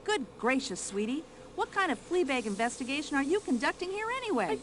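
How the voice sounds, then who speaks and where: An actress voicing an older American widow in a video game, brash, nosy and quick to complain. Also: female voice, sits high, big pitch swings, a little hiss or hum. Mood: indignant. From United States. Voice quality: loud, sharp-tongued and complaining.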